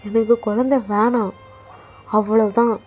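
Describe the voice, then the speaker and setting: A cold, curt young man in a fan audio drama, as a woman acts him out. The voice is fairly high, with a dark and mellow tone. Soft music plays behind him. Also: fairly even intonation, unhurried, lightly acted. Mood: irritated. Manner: curt, blunt.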